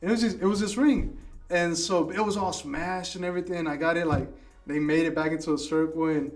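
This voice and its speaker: Man in his thirties, relaxed storyteller. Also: a little high, a little fast, soft background music. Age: 30s. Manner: relaxed storytelling with many restarts. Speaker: interviewee, food business owner. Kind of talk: casual interview chat. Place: coworking space.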